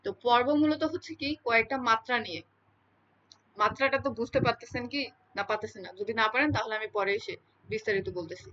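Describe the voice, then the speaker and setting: A woman's voice: a little high, bright, forceful tone. A woman teaching a lesson in an explanatory lecture style, speaking, repeating key terms and checking in with her listeners often. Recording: dull lo-fi recording.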